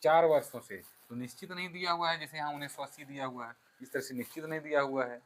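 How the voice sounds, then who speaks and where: Male teacher, bright voice, slow step-by-step explanations with dictated examples. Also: on the high side, low-quality recording. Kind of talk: classroom grammar lesson.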